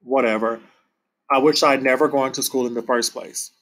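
A man reading aloud and voicing a sullen, hurt ten-year-old boy who answers in low, bitter words. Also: steady tone, moderate pace, fairly bright tone, close to an everyday voice.

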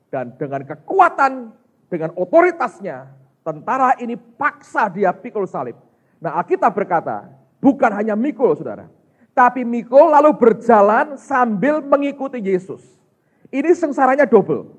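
A man, a pastor, preaching a lively sermon, acting out dialogue and calling the congregation "saudara". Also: extremely high pitch, moderate pace, husky. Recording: muffled, slightly lo-fi sound.

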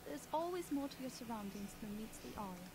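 A woman voicing a mysterious, coaxing wisp spirit with an airy, unearthly voice and slow, formal phrasing in a video game. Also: a little high, expressive, noisy background, lightly acted. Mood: teasing, guiding.

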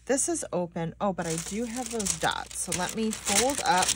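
This planner vlogger is a young Michigan woman who rambles chattily to her viewers as she decorates a planner, saying "like" often. Her medium-pitched voice is expressive, a bit stuffy and nasal, at normal speed. There's some background noise.

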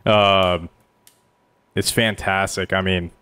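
A man's voice: deep voice, little pitch movement, slow, bright, forceful tone, smooth, no room sound. A young man co-hosting a podcast in casual, enthusiastic and rambling chat, at a studio mic. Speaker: podcast co-host. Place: small studio. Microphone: headset and studio mic.

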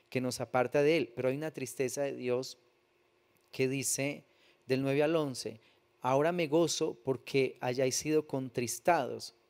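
Pastor preaching earnestly. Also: male voice, medium pitch, a little mellow. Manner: reads scripture aloud, then explains it earnestly with rhetorical questions. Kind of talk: sermon. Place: church.

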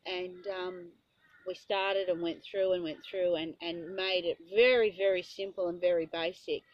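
A woman's voice: on the low side, steady tone, normal speed, no echo, muffled recording. A woman, a riding instructor, chatting casually and telling a long story about a lesson, acting out what people said. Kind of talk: casual chat.

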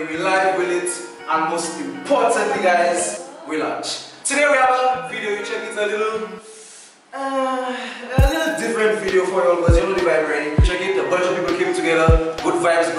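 A man's voice: high-pitched, a little fast, distant mic. A young man with a Saint Lucian accent hosting in casual, slangy hype talk full of catchphrases. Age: young adult. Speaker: host. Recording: very echoey room, loud music behind.

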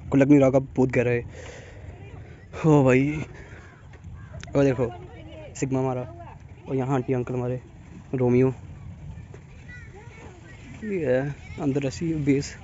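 A young man vlogging casually outdoors in a sanctuary, chatty and teasing, speaking softly because his throat is sore. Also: mid-range voice, fairly even intonation, measured pace, long pauses, muffled recording, slight background noise. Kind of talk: casual vlog narration.

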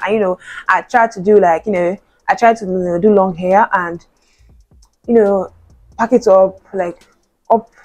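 A woman's voice: mid-range voice, darkish tone, poor audio. A young woman, a university student chatting casually to camera, full of "like" and "you know". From Nigeria. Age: young adult. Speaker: vlogger.

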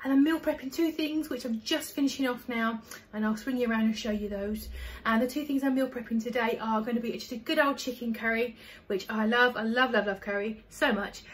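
A chatty English woman in her forties shows off her weekly grocery haul, her voice set a little high and breathy. She talks in an upbeat, rambling way, full of fillers and restarts. She records on a phone in her kitchen at home. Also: brisk. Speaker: vlogger. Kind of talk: casual grocery haul vlog. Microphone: phone camera at arm's length.

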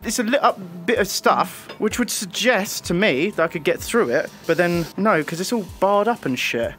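A man's voice: sits high, lively intonation, normal speed, fairly bright tone, soft background music. A man giving sweary, exasperated running commentary as he plays a horror game. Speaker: game streamer. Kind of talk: let's play commentary. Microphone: headset.

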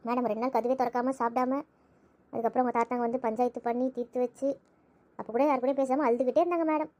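A woman's voice: fairly high pitch, steady tone, quick pace, darkish tone, lightly acted. A woman playing a chatty, gossipy young relative in an amateur audio drama, rattling on with complaints.

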